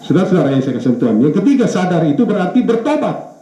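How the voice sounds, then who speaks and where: A male pastor preaching a sermon, pausing on fillers and correcting himself, his pitch rising and falling for emphasis. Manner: hesitant, with fillers and self-corrections; lively rise and fall in pitch for emphasis. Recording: echoey church room, dull lo-fi sound.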